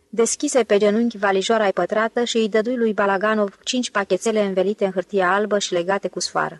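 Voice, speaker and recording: A woman narrating an audiobook in an even, measured reading voice. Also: medium pitch, no room sound. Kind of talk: scripted narration.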